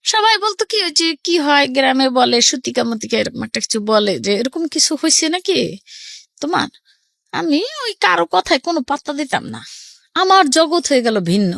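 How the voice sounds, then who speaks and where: Her voice is high and gravelly, moving a little fast: a middle-aged woman with a Bangladeshi accent, recounting her personal story in an interview. She animates it by quoting what people said, recorded at studio quality without echo.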